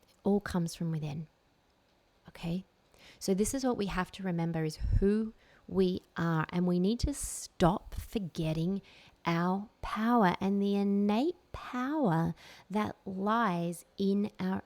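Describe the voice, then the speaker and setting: A woman hosting a reflective solo podcast, speaking slowly and emphatically and repeating key phrases. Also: on the low side, dark tone. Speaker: podcast host.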